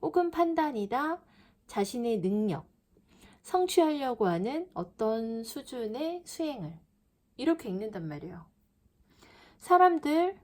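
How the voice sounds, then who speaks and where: A woman lecturing on how to read English sentences, with a fairly high voice that climbs and falls a lot. She talks straight to her students, calling herself the teacher, and reads each example aloud piece by piece. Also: a little mellow. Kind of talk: lecture explaining reading.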